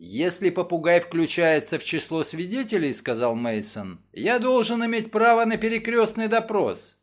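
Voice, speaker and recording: Male reader doing a calm, quietly mocking defense lawyer, audiobook. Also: high-pitched, moderate pace.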